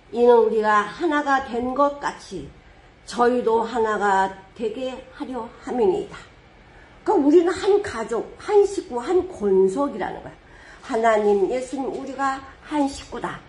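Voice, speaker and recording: Woman pastor with a higher-pitched voice, lively sermon storyteller who breaks into booming dramatic quotes. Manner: lively storytelling, rhetorical questions, sudden loud dramatic quotes.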